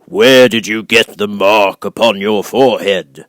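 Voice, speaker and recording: A man voicing an imperious wizard who appears as a giant head in a storybook, speaking slowly and commandingly. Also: on the low side, a bit bright, dry recording. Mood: imperious, questioning. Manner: slow, commanding, deliberate.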